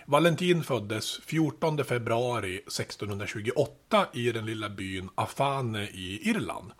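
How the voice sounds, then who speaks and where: A man hosting a podcast, telling history in a relaxed, chatty way with casual asides. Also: medium pitch. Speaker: podcast host.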